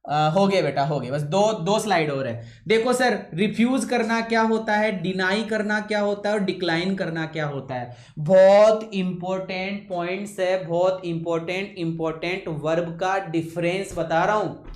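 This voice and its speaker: Checking in with his class again and again, a high-voiced English teacher drills vocabulary for an exam course, calling students son. He holds back his natural speed on purpose, and his voice bounces around an echoey room.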